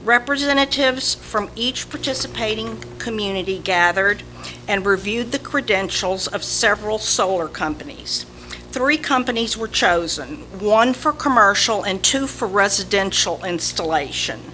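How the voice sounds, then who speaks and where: Southern lady w a slow drawl reading an announcement at a town meeting, bright voice, bit of noise. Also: mid-range voice, animated. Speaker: volunteer community representative at a village meeting. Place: indoor village board meeting. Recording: noisy public meeting room recording.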